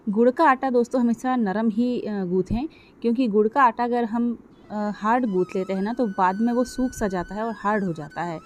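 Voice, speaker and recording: A woman's voice: medium pitch, a little mellow, a little hiss or hum. A middle-aged woman narrating a cooking vlog, chatty, explaining each step and often speaking straight to her viewers. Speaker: cooking vlogger. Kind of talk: casual voice-over cooking vlog.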